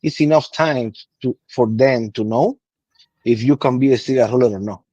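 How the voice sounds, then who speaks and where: A Cuban man in his thirties, a guest cigar blender, explains things patiently in broken English during a casual interview, his Cuban Spanish accent showing since Spanish is his first language. His voice is warm and medium-pitched at a moderate pace, recorded lo-fi with no room sound.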